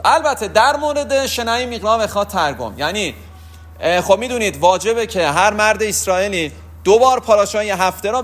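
Man, high-pitched voice, religious teacher, explanatory, hesitant pauses. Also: a bit bright. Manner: explanatory, asks and answers his own questions, frequent hesitations. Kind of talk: spoken lesson on prayer rules.

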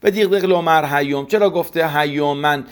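A man giving a verse-by-verse Torah commentary lesson, reading Hebrew lines and explaining them slowly. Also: fairly high pitch. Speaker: Torah teacher.

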